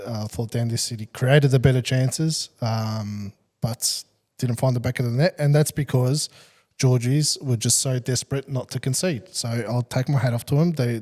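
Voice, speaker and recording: A man with an Australian accent, co-hosting a football podcast in casual, measured chat. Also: mid-range voice, darkish tone. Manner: measured, laughs easily, hedging asides. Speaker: podcast co-host, football pundit.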